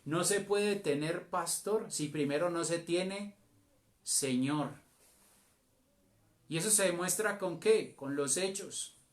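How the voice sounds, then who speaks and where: A man with a Colombian accent preaching a sermon as a church elder, slow and deliberate with emphatic phrases. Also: high-pitched.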